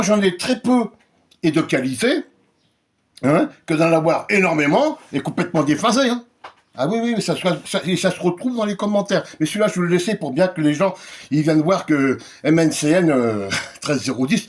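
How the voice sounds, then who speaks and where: Lively sarcastic man ranting casually. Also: high-pitched, husky. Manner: mocking, sarcastic, drawn-out emphatic asides. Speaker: YouTuber answering comments.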